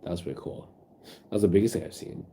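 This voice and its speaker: A man's voice: on the low side, animated, fast talker, dark tone, husky. A sick, sniffling man streaming from his phone, rambling in casual chat with his viewers and reading their messages aloud. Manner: rambling, reads chat aloud, many fillers.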